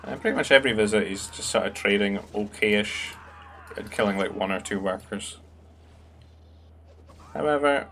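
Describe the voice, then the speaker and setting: Young guy casting a strategy game, lowish voice, laid-back, thinking out loud. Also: slight background noise. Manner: relaxed, musing, thinks aloud with fillers. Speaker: game caster. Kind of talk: casual esports commentary.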